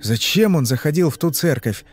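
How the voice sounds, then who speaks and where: A man's voice: fairly high pitch, normal speed, a little mellow, faint music behind, pitched above the performer's own voice, close to an everyday voice. A man doing a flustered businessman father. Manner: flustered, hesitant. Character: anxious middle-aged businessman father. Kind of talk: audiobook reading.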